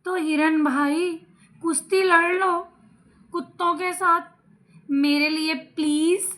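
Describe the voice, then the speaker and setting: Brief: a woman doing a small boy's voice, pleading in chanted rhymes, bright and high. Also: fairly even intonation, slow, heavily acted. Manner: singsong rhyming pleas. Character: eager little boy on a long errand.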